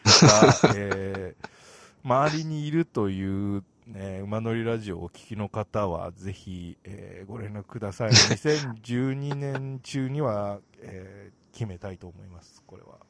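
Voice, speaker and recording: A man's voice: on the low side, measured pace, dry recording. A young man hosting a casual radio talk show, telling stories and acting out the lines of the people in them. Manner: animated storyteller acting out quoted lines. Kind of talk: casual chat.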